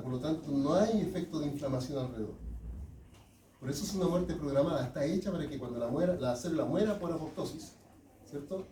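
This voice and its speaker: A man's voice: on the high side, mellow, far from the mic, a little hiss or hum. Male teacher lecturing in echoey classroom. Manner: asks students frequent check-in questions.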